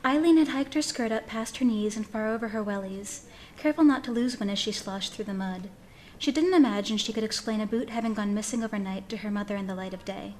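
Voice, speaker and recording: A woman reading a piece of fiction aloud in an expressive, dramatic storytelling manner. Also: mid-range voice, fast, slight background noise. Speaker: story reader.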